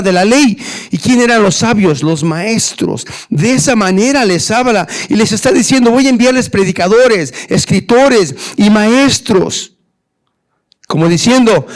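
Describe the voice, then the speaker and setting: Un pastor predicando con fervor en español, haciendo preguntas retóricas y llamando "hermano" a sus oyentes. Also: male voice, high-pitched. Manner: earnest preaching, often addressing "hermano", rhetorical questions. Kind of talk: sermon.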